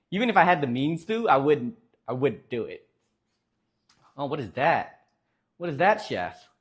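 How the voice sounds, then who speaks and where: A man's voice: medium pitch, a bit bright, husky. A young man streaming live, chatting casually with viewers in a joking, rambling way with lots of fillers.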